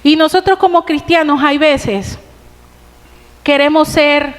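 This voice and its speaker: A woman preacher with a Colombian accent delivering an earnest sermon in a church, asking rhetorical questions and slowing for emphasis. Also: sits high, fairly even intonation. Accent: Colombian Spanish. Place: church hall. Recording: long reverb of a church hall.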